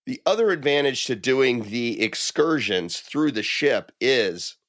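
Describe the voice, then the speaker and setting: Animated middle-aged man chatting casually. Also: medium pitch, a little slow, dry recording, clean studio sound. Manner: animated storyteller, acts out quoted voices. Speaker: podcast co-host. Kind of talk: casual chat.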